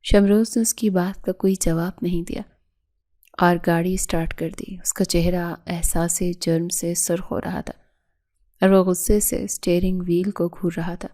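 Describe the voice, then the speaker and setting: A woman narrating a dramatic audio story in a steady, emotive way. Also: on the low side.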